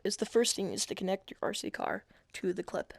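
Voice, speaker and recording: A man's voice: high-pitched, fairly quick, gravelly, no room sound. A man talking through a casual screen-recorded game tutorial, hesitant and self-deprecating, with many fillers and restarts.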